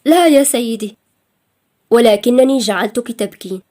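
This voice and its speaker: A woman's voice: a little high, lively intonation, moderate pace, a little mellow, close to an everyday voice. A woman voicing a timid young secretary who speaks with a trembling, tearful voice. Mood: shaken.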